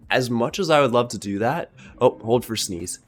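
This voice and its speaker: A man streaming a ship-building game, chatting casually and joking, with ums and trailing pauses. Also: mid-range voice, animated. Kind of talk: casual gaming chat. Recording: faint music behind.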